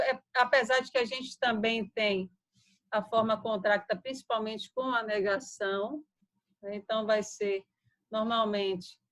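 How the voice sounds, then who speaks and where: A woman's voice: a little high, fairly bright tone, low-quality recording. Patient Brazilian-Portuguese-speaking woman teaching. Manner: patient, explanatory, with frequent checks like "né?" and "certo?". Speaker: English teacher. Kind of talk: online lesson explaining grammar.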